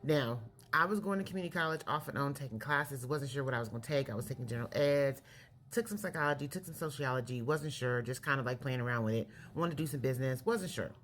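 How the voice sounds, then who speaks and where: A woman in her late forties from California, candidly telling her life story in a casual vlog, pausing and correcting herself as she goes. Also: very deep voice, a little hiss or hum. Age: 40s. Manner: reflective, candid, self-correcting. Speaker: vlogger.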